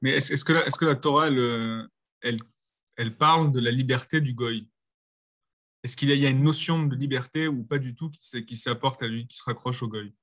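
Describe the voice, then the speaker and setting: A man's voice: medium pitch, fairly quick, fairly bright tone. A man in a class discussion who thinks aloud and asks the teacher searching questions. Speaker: student.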